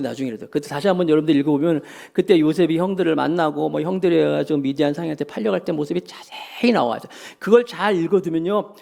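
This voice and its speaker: A man's voice: a little high, creaky, a little mellow. A middle-aged man preaching a sermon as pastor, acting out the lines of biblical characters in dramatic voices and leading the congregation in reading scripture aloud.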